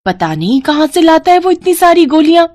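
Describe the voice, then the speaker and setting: A woman's voice: very high voice, very animated, brisk, a little mellow, pitched above the performer's own voice. A woman voicing a curious, gossiping village woman in a cartoon story. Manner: gossiping, wondering aloud.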